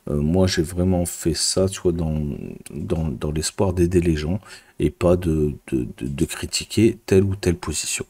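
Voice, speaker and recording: A man's voice: low-pitched, normal speed, darkish tone, husky. A man from France, a business coach, talking casually to camera in a rambling, blunt way with many fillers and restarts.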